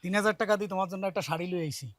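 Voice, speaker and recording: An actor playing an excitable, boastful newly married village man, talking fast and pleading. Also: high-pitched, no echo.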